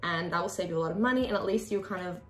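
Racing along in a fairly low voice, with soft music behind her and a roomy sound, a woman in her 20s from Australia chats to camera. She's hosting a casual sewing tutorial at her desk with a sewing machine in a small room, using expressive hand gestures.

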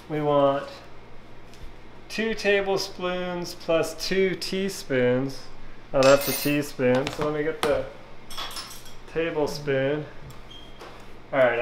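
Talking easily through each step of a home cooking demo, a middle-aged vlogger works in his kitchen while dishes and utensils clatter behind him. The recording is rough, and his voice leans high.

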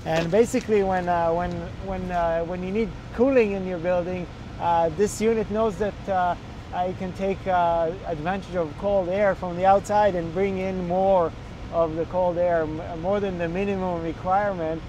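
A young man explains equipment in an instructional walkthrough, his voice sitting a little high. He halts often with fillers and restarts. He is recorded outdoors on a rooftop with a faint hum of the surroundings behind him. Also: fairly even intonation, normal speed, dark tone. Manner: hesitant, many filler sounds and restarts. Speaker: energy auditor instructor.

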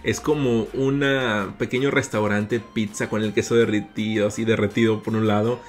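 A man's voice: lowish voice, level tone, normal speed, a little mellow, faint music behind. A man with a Mexican accent hosting a gaming vlog, narrating playfully with big jumps in his voice and calling his viewers "little ones.". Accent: Mexican Spanish. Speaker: gaming YouTuber host.

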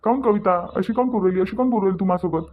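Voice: mid-range voice, racing, narrow, tinny audio, close to an everyday voice. A performer doing an earnest pleading young husband. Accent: Vidarbha Marathi (Varhadi). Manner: pleading, defensive. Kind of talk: cartoon voice acting.

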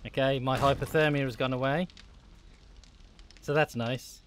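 A man's voice: mid-range voice, steady tone, normal speed, a bit bright, slight background noise. A man hosting a casual let's-play, chatting and laughing often as he plays. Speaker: gaming channel host.

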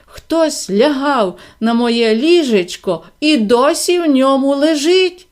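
A woman's voice: lively intonation, takes it slowly. Woman doing a thin, whimpering bear cub. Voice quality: thin, high and piercing.

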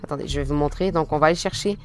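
A man with a Quebec French accent giving casual let's-play commentary, full of fillers and restarts, with sudden excited outbursts. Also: on the high side, rapid-fire, soft background music. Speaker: gaming video host.

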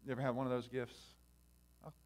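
A man preaching a sermon, talking directly to his listeners and swinging between quiet conversation and loud, impassioned preaching. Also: mid-range voice, lively intonation, normal speed. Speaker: pastor.

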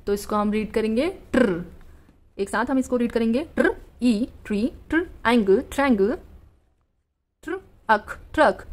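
Indian woman teaching phonics to kids, slightly high voice, very slow, careful sounding-out of every blend. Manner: slow, sounds out each word part by part.

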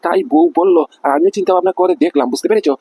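Guy doing a pushy cartoon boss, high raspy voice, fires off words super fast. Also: wildly swooping pitch, warm tone, dry recording, exaggerated voice. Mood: boastful. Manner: keeps asking if he is understood. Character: pushy middle-aged male company boss. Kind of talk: cartoon voice acting.

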